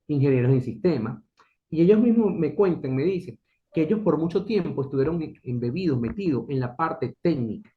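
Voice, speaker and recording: Earnest middle-aged man, lo-fi. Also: a little high. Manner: earnest, poses rhetorical questions, repeats phrases. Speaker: business consultant. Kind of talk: motivational talk. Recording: dull lo-fi recording.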